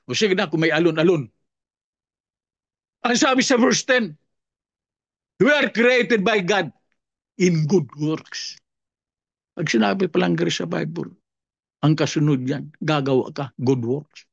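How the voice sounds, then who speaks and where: A man preaching a sermon as a guest pastor, his voice dropping low for scripture and rising high when he tells stories. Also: a bit bright, dry recording, lo-fi sound.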